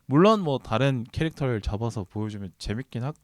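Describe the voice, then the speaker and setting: An earnest, opinionated man from Busan talks films in a relaxed podcast chat. His voice sits at an ordinary middle pitch. It is recorded close and dry, with no room sound around it. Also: a little fast, no room sound. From Busan, South Korea.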